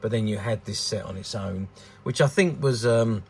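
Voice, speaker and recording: At a normal speed and in a lowish voice, a British man in his sixties gives hesitant, rambling, unscripted talk about a collectable, repeating words often. He's a vintage toy dealer, and the recording carries a little hiss or hum.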